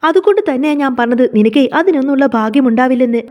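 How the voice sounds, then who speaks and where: A woman's voice: high voice, lively intonation, fast, dark tone. A woman reading as a scornful, scolding mother-in-law. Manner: taunting, scornful. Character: harsh scolding middle-aged mother-in-law.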